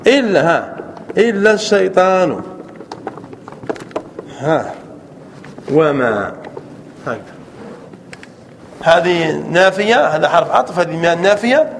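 A man teaches a grammar lesson to a class in a high, lively voice that rises and falls widely. He quizzes his students often and stretches out his examples slowly. Faint noise sits behind him in the room. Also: vocal fry. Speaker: sheikh teaching Arabic grammar.

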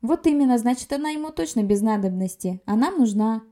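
A woman's voice: a little high, animated, brisk, warm tone, natural voice. A woman voicing a carefree young witch and potion maker who banters in a chirpy, flippant way.

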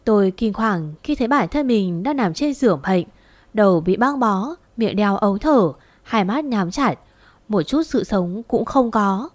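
A woman narrating a first-person audio story in a slow, mournful storytelling manner. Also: medium pitch, lively intonation, a little mellow, no echo.

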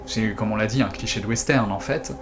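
A man's voice: lowish voice, fairly quick, noisy background. A man hosting a casual, analytical discussion as a critic. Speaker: host and film critic.

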